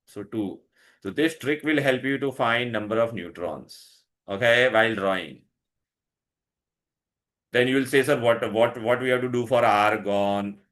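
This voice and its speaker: Teaching a science lesson online, a man with an Indian accent asks pupils questions, repeats himself for instruction, and keeps checking they are following along. His medium-pitched voice is a bit bright and a little slow.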